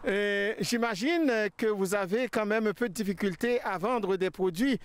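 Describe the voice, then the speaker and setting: A man reporting and interviewing on location, speaking in halting, hesitant phrases. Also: sits high, dry recording. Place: outdoors on a farm.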